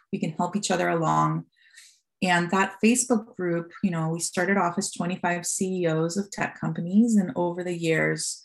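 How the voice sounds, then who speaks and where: A woman's voice: fairly low pitch, gravelly. A woman in her forties from Costa Rica, a fund founder telling her story as a podcast guest in a candid, filler-filled way. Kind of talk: podcast interview.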